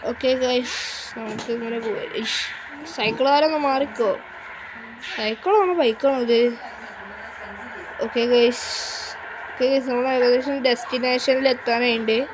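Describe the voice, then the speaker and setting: A woman's voice: fairly high pitch, moderate pace, long pauses. Chatty gamer woman. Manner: chatty, often cries out at near crashes. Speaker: gaming YouTuber. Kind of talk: casual gameplay commentary. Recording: clear game vehicle noise under voice. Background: bus engine and traffic game sounds.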